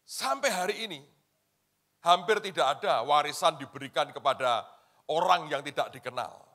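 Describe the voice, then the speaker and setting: High-voiced man preaching a lively sermon, dramatic and colloquial, talking straight to the congregation. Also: normal speed. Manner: dramatic, swings from loud shouts to hushed asides; colloquial, keeps addressing the congregation. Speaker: pastor.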